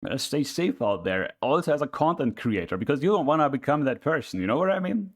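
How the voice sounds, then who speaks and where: A man's voice: mid-range voice, animated, quick pace. A man doing casual reaction chat as a VTuber, dropping in exasperated, incredulous asides.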